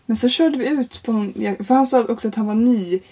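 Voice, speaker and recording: A young woman with a fairly high, husky voice and a mellow, warm tone. She tells a comic story in a loose, chatty podcast style, animated and quick to laugh, swearing casually as she goes.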